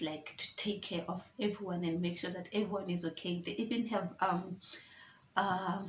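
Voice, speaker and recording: A woman's voice: lowish voice, reverberant, a little hiss or hum, rough recording. A woman telling a personal story to her viewers in a chatty, emotional way, often calling them guys. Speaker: vlogger. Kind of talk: personal story-time vlog.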